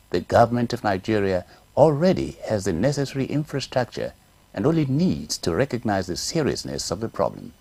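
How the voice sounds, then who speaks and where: Male documentary narrator, husky tone, lively emphatic read, dry close voice-over. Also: mid-range voice, dry recording. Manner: lively, emphatic reading of lists. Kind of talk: scripted narration.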